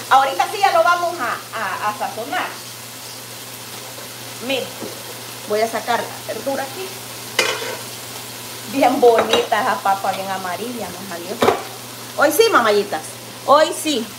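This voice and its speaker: A high-pitched woman with a Guatemalan Spanish accent talks viewers through her cooking in a home kitchen, chatty and affectionate, forever saying "look." The room is echoey, with a pan sizzling and frying noise behind her. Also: animated, measured pace, pauses often. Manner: homey and chatty, constantly says "mire" and calls viewers "mamayita". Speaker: cooking vlogger.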